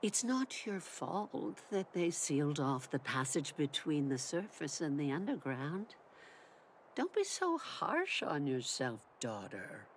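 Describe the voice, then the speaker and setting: A woman playing a gentle, loving older mother in a drama, soft-spoken and emotional. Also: low-pitched, very animated, takes it slowly, slight background noise, heavily acted. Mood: tender consoling. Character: gentle, loving elderly mother comforting her grown daughter. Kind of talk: dramatic voice acting.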